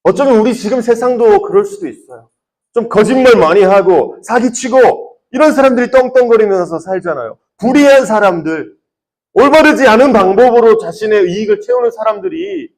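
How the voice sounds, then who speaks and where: A young man, a youth pastor, preaching to teenagers in a conversational way, asking many questions and often dropping to a soft, quiet voice. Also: high voice. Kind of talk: sermon to teenagers.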